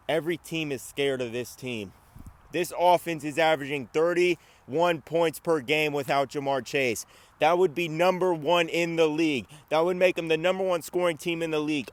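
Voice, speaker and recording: A man giving a brash, boastful fan commentary rant, first shouting and hyped, then calmer and emphatic. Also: fairly high pitch. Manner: brash, trash-talking, boastful; calmer, emphatic argumentative talk. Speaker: sports YouTuber.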